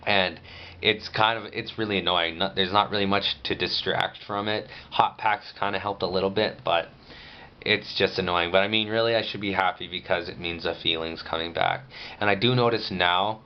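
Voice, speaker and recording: A man's voice: low-pitched, fairly even intonation, moderate pace, muffled recording, a little hiss or hum. A man giving a casual, rambling video diary update, speaking matter-of-factly with restricted jaw movement after jaw surgery.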